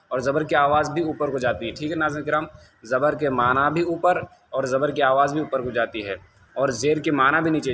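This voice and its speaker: Man teaching quran reading, bright voice, asks and answers himself, faint hiss behind. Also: medium pitch. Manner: explains step by step, asks and answers own questions, drawls letter sounds slowly. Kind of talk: lesson addressed to viewers.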